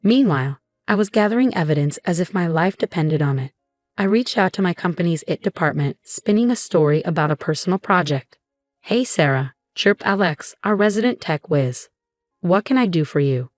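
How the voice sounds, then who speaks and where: A woman reading a first-person story as scripted narration, in a steady, measured way. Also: lowish voice, dry recording, faint music behind.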